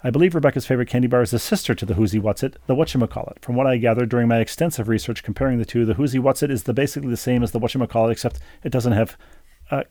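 A man's voice: medium pitch, rapid-fire, warm tone, dry recording. A man co-hosting a casual podcast, reading listener letters aloud with chatty asides. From Minnesota. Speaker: podcast co-host.

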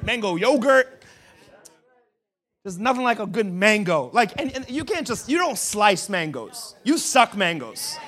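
A man in his thirties, from Brazil, preaches with a very high voice. His tone is bright and forceful. He tells funny personal stories in an animated way. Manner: animated, humorous storytelling with laughs.

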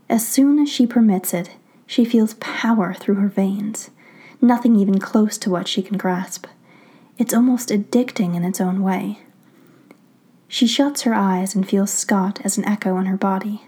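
A woman reading a story aloud in a hushed, steady whispered narration. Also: mid-range voice, breathy edge. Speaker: story reader.

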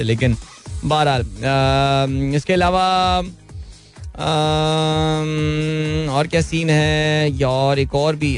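Male morning host, Pakistani Urdu accent, slightly high pitch, breezy and chatty, faint music underneath. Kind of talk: live morning show chat.

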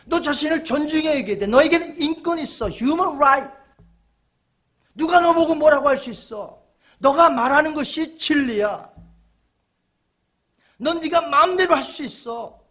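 A man's voice: extremely high pitch, expressive, unhurried, pauses often, a bit bright, pitched above the performer's own voice, heavily acted. A man voicing a tempting devil that coaxes believers with smug, insistent persuasion. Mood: coaxing. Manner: wheedling, insistent.

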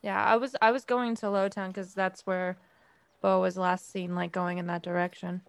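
A woman's voice: lowish voice, flat delivery, moderate pace, vocal fry, clean tone, no echo. A woman casually describing her character's moves as a player in a tabletop game.

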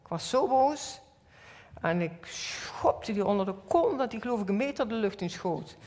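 A woman's voice: medium pitch, animated, moderate pace, a crowd in the background. A middle-aged woman with a Limburg Dutch accent, giving a personal church sermon and telling stories with acted inner voices. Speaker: church speaker. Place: church hall. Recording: long hall reverb.

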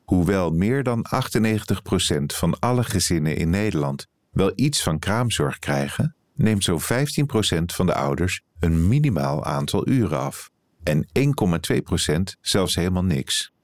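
Deep-voiced man calmly reading a report. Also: moderate pace, dry recording. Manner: calm, even reading of a reportage. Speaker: editor-in-chief reading an article aloud. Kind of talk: scripted narration.

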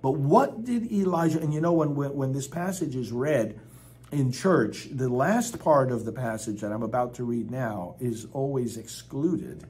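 A man preaching a sermon, reading scripture aloud with loud, impassioned emphasis and breaking off to comment. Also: medium pitch, animated, measured pace.

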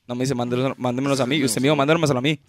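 A man's voice: medium pitch, steady tone, very fast. A man with a Costa Rican accent, a guest DJ on a casual podcast, pressing his point and cutting in. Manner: insistent, keeps cutting in. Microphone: studio microphone.

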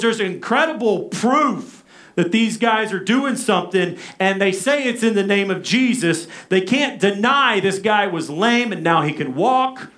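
High-pitched man preaching. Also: a bit bright. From Arkansas, United States. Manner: emphatic, rhetorical questions and repetition. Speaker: pastor. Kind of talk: sermon.

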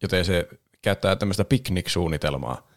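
A man hosting a podcast, chatting casually about a film, laughing often and now and then imitating voices. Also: low-pitched. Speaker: podcast host. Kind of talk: casual chat reviewing a film.

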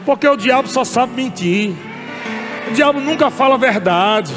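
A man preaching a sermon as pastor, animated and often shouting and laughing, at a church service. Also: very high-pitched, normal speed. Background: music.

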